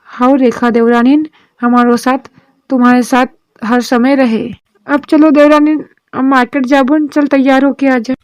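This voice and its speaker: A woman's voice: high-pitched, little pitch movement, a little slow, darkish tone, dry recording, rough recording. A woman voicing a sensible young daughter-in-law in a cartoon drama, lecturing and persuading her mother-in-law. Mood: cheerful.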